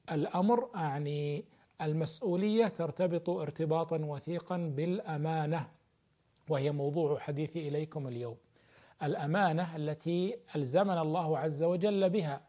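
A man presents a religious programme in formal standard Arabic. His voice sits somewhat high for a man, with a very mellow, warm tone. He speaks rhetorically, turning straight to his viewers as a preacher would.

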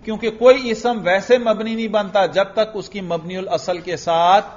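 A man teaching grammar in a classroom lecture. He keeps asking his students questions, answers them himself, and slowly chants example phrases. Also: sits high, fairly even intonation, darkish tone. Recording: dull lo-fi recording.

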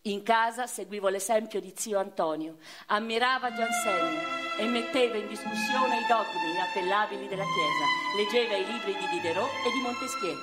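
With music underneath, an actress delivers a reflective, expressive radio-drama monologue as an ardent, bookish eighteenth-century noblewoman telling the story of her life. She speaks in a natural, mid-range voice.

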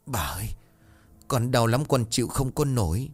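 A man's voice: medium pitch, animated, moderate pace, breathy edge. A man voicing a pained, gasping young woman in labor in a told horror story.

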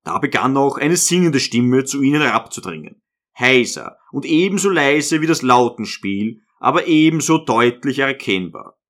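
A man narrating a literary audiobook in a measured, even manner. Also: medium pitch.

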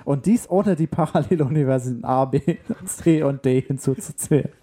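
Ein Mann leiht einem predigenden, singenden humanoiden Roboter die Stimme, der belehrend und pompös spricht. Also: male voice, medium pitch, normal speed, warm tone, natural voice. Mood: preachy. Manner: lecturing, pompous. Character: preachy singing male humanoid robot.

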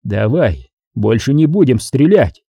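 A man's voice: medium pitch, very animated, a little slow, no echo, muffled recording, heavily acted. A man reading an audiobook voices a tough, curt male getaway driver in close to his own voice. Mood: stern. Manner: curt, gruff.

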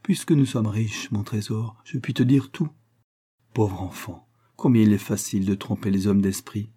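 A man's voice: on the low side, steady tone, normal speed, warm tone, breathy edge. A man voicing a young woman in love, reading her lines with impassioned, breathless devotion in an audiobook. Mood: ardent.

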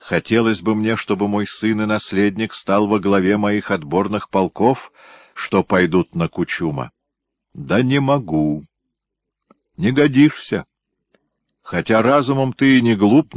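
A man's voice: lowish voice, no room sound, pitched above the performer's own voice. A man voicing a stern, imperious aging tsar in an audiobook, speaking raised and commanding. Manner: raised, forceful, commanding delivery.

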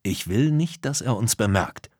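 A man voicing an earnest, suspicious young hero in a children's audio story, speaking seriously and slowly. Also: fairly low pitch, expressive, darkish tone, breathy edge, dry recording, clean studio sound. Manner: serious, measured.

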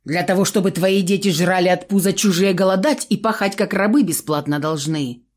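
A woman voicing a tough young man who threatens slowly and coldly in blunt, coarse speech. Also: lowish voice, a little mellow, close to an everyday voice. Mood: menacing. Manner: slow, cold, threatening.

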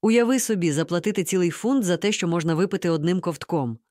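A woman voicing an excitable, indignant mother in a read-aloud story, exclaiming in a high, scandalized tone. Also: quick pace, no echo, studio quality, natural voice. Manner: exclaiming, scandalized, breathless whisper-hiss.

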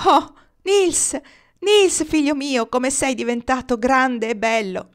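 A woman's voice: high voice, slow pace, voice pushed up. Woman playing an overjoyed peasant mother. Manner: emotional, exclaiming. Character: overjoyed peasant mother greeting her son.

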